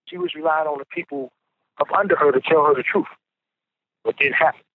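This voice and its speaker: A fairly high-voiced man talks on a payphone call, his voice squeezed into a thin, tinny phone band. He speaks earnestly and often stumbles over his words, repeating them as he pushes his point. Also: sing-song, a little fast, creaky, slightly rough, no echo. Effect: payphone call over a tinny prison phone line. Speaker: incarcerated interviewee calling in. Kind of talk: casual phone interview. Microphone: prison payphone handset.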